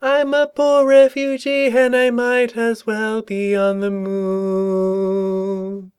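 A man's voice: animated, moderate pace. A man voicing a frantic, paranoid young female pony who is dramatic and overwrought. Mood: warbling song. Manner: shrill and overwrought, warbling when singing.

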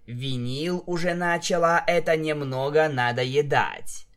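A reader narrating a fan story aloud, telling it slowly with voiced dialogue. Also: mid-range voice, a bit bright.

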